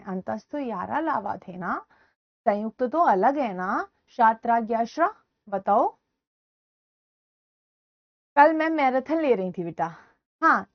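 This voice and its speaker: A woman teaching Hindi grammar in a live online class, loudly repeating each question and answer to her students. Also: a little high, no room sound, highs cut off. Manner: loud speaker.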